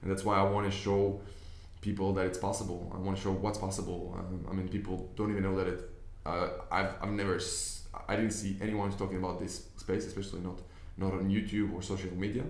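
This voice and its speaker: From behind an office desk, a young Israeli investor, Hebrew being his native tongue, gives a casual talk to camera. He sounds low and flat, moving fairly quickly with few pauses, and earnestly explains his ideas with many restarts. The room is clearly echoey.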